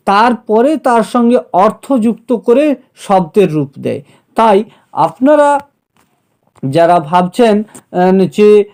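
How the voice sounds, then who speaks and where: A man giving an exam-prep lecture, explaining slowly with many fillers and pauses. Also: high-pitched, a little mellow. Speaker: teacher.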